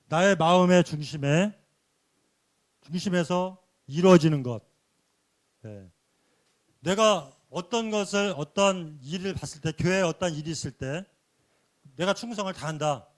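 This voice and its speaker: A man giving a sermon-like church lecture, earnestly explaining points and dropping a soft affirming "yes" between phrases. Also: high-pitched. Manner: earnest, explanatory teaching with rhetorical questions.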